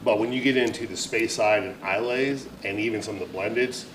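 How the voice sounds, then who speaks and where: A man co-hosting a casual podcast chat in a cigar lounge, animated and joking, breaking into loud bursts. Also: fairly low pitch, fairly quick, recorded from a distance, noisy background. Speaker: podcast co-host.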